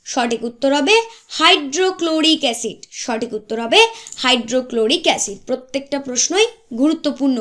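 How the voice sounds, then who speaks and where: A woman's voice: high voice, lively intonation, brisk, fairly bright tone. A woman giving an exam-prep science lesson, asking questions and answering them herself, repeating key facts. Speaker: quiz teacher.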